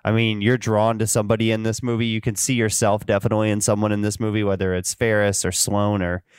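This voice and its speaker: Smooth, low-voiced man co-hosting a podcast. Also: level tone, fast talker, no room sound, clean studio sound. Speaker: podcast co-host. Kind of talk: casual film review chat.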